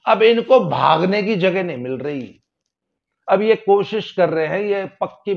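A man giving casual spoken commentary, folksy and sarcastic, getting loud when he stresses a point. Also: sits high, muffled recording. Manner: folksy, sarcastic, rises loudly for emphasis. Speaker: political commentator.

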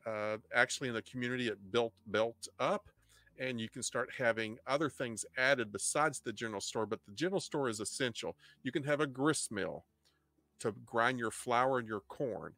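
A middle-aged man with an Ozark Missouri twang hosts an informal online history class. His pitch is average for a man. He explains in a halting way, often repeating and rephrasing, close to the microphone in a dry room. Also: sharp tone, no room sound. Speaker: host, history teacher. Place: indoor home studio. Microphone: desk microphone up close, headset on.

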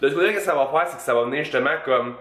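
A man with a Québécois accent from Quebec, a fitness coach chatting casually in a vlog, with relaxed slang and English words mixed in. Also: medium pitch, very fast. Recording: roomy echo.

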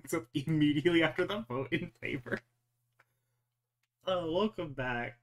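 Over a voice call, a game master with a medium-pitched voice leads an online roleplay session at a measured pace. His narration is casual and improvised, feeling its way through each description.

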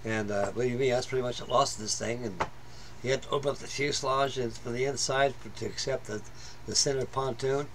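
Background noise surrounds this middle-aged man as he chats about a model build at his home hobby-room workbench. His voice is medium-pitched and steady, his pace a little quick, and his plain-spoken talk wanders, packed with fillers and restarts.

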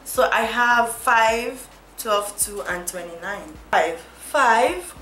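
A woman's voice: a little high, slow, bright, forceful tone. A young woman from Nigeria, chatting and giggling through a makeup tutorial vlog, teasing herself as she goes. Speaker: beauty vlogger. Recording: roomy echo, faint music.

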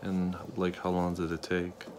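A relaxed man chatting casually to viewers with a face mask on while getting a facial in a spa treatment room. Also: low voice, unhurried. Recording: noisy room background.

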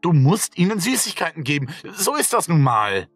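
A man's voice: a little high, big pitch swings, normal speed, fairly bright tone, breathy edge, voice pushed up, full character voice. A man voicing a stubborn, angry young boy in a horror audiobook story. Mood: angry, insistent. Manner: insistent, raised young voice.

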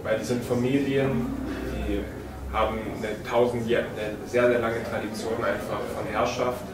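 A man's voice: on the low side, little pitch movement, moderate pace, very noisy. Young man, argumentative, echoey studio set, distant mic. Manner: argumentative, hesitant restarts. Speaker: conspiracy video maker, debater. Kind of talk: heated debate. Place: studio set with armchairs, indoors.

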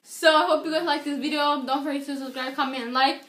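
A woman's voice: high-pitched, fairly even intonation, quick pace, a bit bright. A young woman hosting, chatting casually to camera. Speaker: vlog host. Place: small indoor room, camera at short distance. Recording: echoey room, noisy background.

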